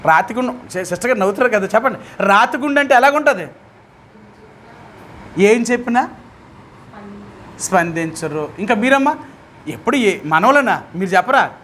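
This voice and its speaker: A man with a Telugu accent leads a Bible study as pastor, with a high voice. He speaks emphatically and keeps asking his listeners questions. Faint vehicle noise sits low behind him. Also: expressive, moderate pace, pauses often, fairly bright tone.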